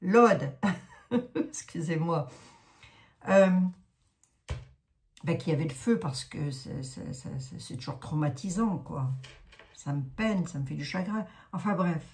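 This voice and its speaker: A woman's voice: deep voice, expressive, measured pace, pauses often, darkish tone. A woman in her sixties with a Lorraine accent, reading oracle cards in a rambling, chatty way full of asides and fillers. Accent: Lorraine French. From Lorraine, France. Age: 60s. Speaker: card reader, psychic. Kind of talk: casual oracle card reading.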